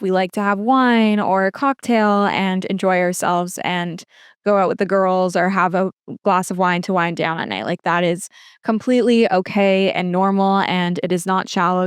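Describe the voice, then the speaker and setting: A woman with an exceptionally smooth, clear voice gives casual advice on her podcast. She talks in a chatty, relaxed way, peppered with "like." The sound is dry and close. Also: mid-range voice, no echo. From lives in Toronto. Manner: chatty, filler-heavy with frequent "like". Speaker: podcast host answering listener questions.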